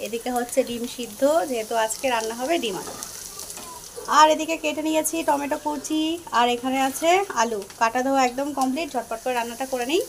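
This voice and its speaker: A young woman with a high voice talks casually at home, narrating her cooking in small steps. She keeps turning to coax her little daughter in a fond, chatty way. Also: a little fast, slight background noise. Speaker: vlogger and mother. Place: home kitchen.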